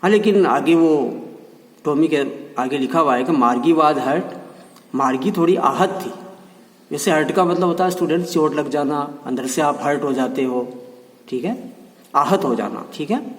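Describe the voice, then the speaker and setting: A male teacher explaining an English textbook lesson in Hindi. He reads the English lines slowly, then explains them and repeats the meanings with frequent check-ins. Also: on the high side. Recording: echoey room, voice from far off.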